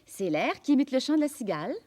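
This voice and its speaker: A woman's voice: sits high, very animated, fast, a little mellow. A woman playing a patient, motherly adult who explains things to a child. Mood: gentle. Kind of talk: children's TV acting.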